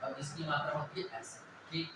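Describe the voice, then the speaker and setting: High, bright-voiced male teacher in an echoey room. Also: a little fast, recorded from a distance, background noise. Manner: explains step by step, often checking understanding with "ठीक है?". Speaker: Hindi grammar teacher. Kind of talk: classroom lecture on Hindi vowels.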